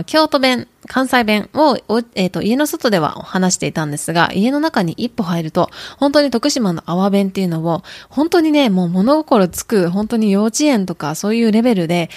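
A young woman hosts her podcast in a friendly, rambling way, with a lot of fillers. Her voice is recorded close and dry, with no room sound. Her pitch sits in a middle range. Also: no echo. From Japan. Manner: friendly, chatty, many fillers. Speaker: podcast host. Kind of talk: casual podcast monologue.

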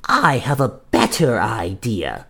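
Man voicing a sly coyote trickster, breathy, wheedling, slow, lively pitch. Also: full character voice. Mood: scheming. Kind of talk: storytelling with character voices.

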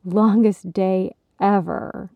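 A woman voicing a calm young woman who speaks low and steady in a storybook reading. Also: measured pace, creaky, dry recording. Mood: weary. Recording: slightly dull recording.

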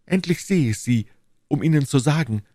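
Dignified grieving queen read by a man, husky voice, dry close sound. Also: a little high, expressive, normal speed, dark tone, dry recording. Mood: pleading, firm. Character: proud, sorrowful young queen, firm and dignified. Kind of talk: audiobook reading of a classic novel.

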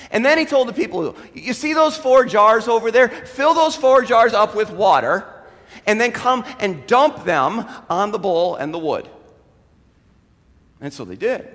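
A pastor gives a sermon in a very high voice, swinging his pitch around as he tells the story. He acts out the characters' lines as he goes. His voice rings with a long reverb, like a large hall. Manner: animated retelling with voiced quotes.

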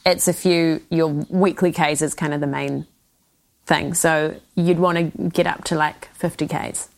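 Female interview guest with a New Zealand accent and a slightly low voice, in relaxed casual conversation. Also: a little slow, creaky.

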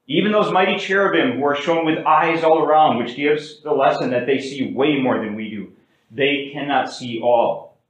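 Preaching pastor in a very echoey church. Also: male voice. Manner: preaching with wide swings in pitch and loudness, slowing for emphasis. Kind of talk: sermon. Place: church sanctuary.

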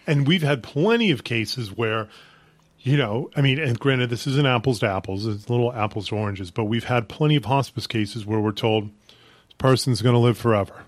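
A man's voice: medium pitch, moderate pace, dry recording. A man hosting a casual podcast, jokey and rambling, often restarting his sentences. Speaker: podcast host and home care business owner.

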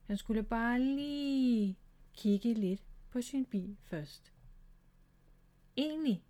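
A woman reading a children's storybook aloud in a calm, gentle storytelling way. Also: fairly high pitch. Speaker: storybook reader.

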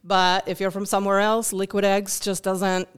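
Here a woman speaks at a moderate pace in a smooth, mid-range voice that barely moves in pitch. Originally from Uruguay with Spanish as her first language, she talks in Uruguayan-accented English as a guest on a podcast interview about her food bank volunteering, reflective and full of ums and restarts.

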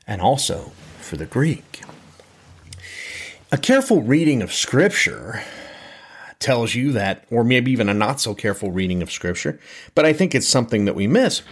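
A man with a fairly low voice teaches a Bible lesson to his listeners. His delivery is conversational and chatty, with restarts and frequent check-ins asking whether they follow. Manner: conversational, repeats words and checks in with "okay?".

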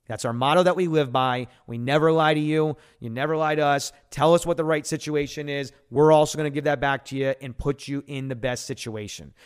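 A man's voice: a little high, clear, resonant tone. An American man hosting a radio show, giving an emphatic sales talk and repeating key phrases.

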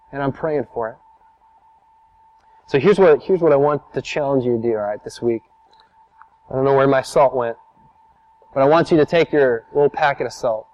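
A man's voice: mid-range voice, a little mellow, rough recording. A man preaching a sermon as a pastor, telling stories in a conversational, emphatic way.

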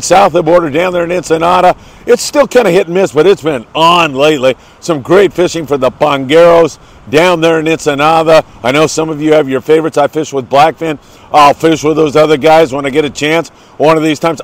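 A man with a lingering cold hosting an upbeat morning fishing briefing, talking to viewers in an effusive, folksy way. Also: medium pitch. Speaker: host of a fishing report show. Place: outdoors by the coast in the morning.

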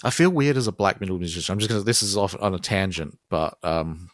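A man with a very deep voice and an Australian accent chats casually as a podcast guest. He rambles, restarts and laughs at himself. His voice is recorded close and dry with no room sound. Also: animated, fast talker, dry recording. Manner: rambling, self-deprecating, laughs often. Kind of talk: casual interview chat.

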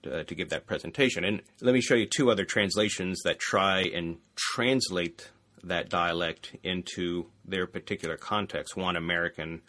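A classics scholar explains ancient texts in an easy conversational interview. His voice is very low and his phrases fade quietly at their ends. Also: normal speed.

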